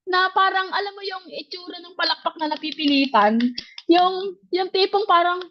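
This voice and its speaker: Dull audio and slight background noise accompany a woman with a very high-pitched voice telling her personal testimony at a moderate pace. Raised in the provinces, she is animated and acts out the conversations she recalls.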